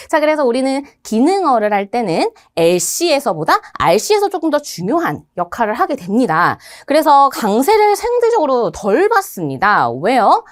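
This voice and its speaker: A young woman teaching exam listening skills in a studio video lecture, with an animated teacherly delivery, asking questions and answering them herself. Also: high voice. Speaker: TOEIC listening instructor. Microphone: studio microphone.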